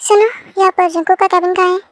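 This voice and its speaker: Woman doing a spoiled rich girl, arrogant and whiny, very high voice, amateur fan dub. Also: flat delivery, fast, faint music behind. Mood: haughty. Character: haughty rude rich young woman.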